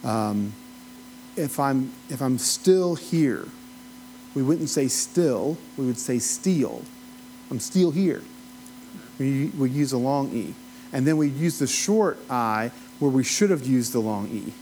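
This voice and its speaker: A man's voice: medium pitch, lively intonation, slow, warm tone, a little hiss or hum, poor audio. A man with an Appalachian accent teaching a Bible study in a conversational, folksy way, with rambling asides and questions to his listeners. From Appalachia, United States. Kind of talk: informal teaching, conversational lecture.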